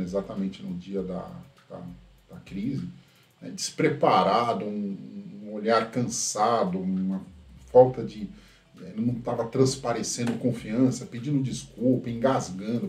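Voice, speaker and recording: Mellow man in a roomy echo. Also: on the low side, gravelly. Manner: critical, tags sentences with a questioning "right?". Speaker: host, tech commentator. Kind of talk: casual opinion commentary. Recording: roomy echo from a distant mic.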